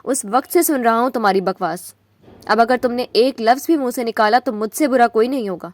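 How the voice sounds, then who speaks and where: A woman's voice: fairly high pitch, darkish tone, no room sound, close to an everyday voice. A woman voicing a possessive young husband who pleads urgently and then grows angry. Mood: urgent pleading.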